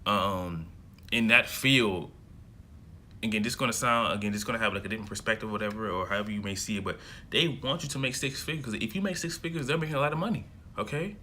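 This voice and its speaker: A young American man in his early twenties rambles to camera as a self-development vlogger, his chatty monologue full of fillers and restarts. He talks fast in a lowish voice that sounds pushed and bright, with a faint hiss or hum on the recording.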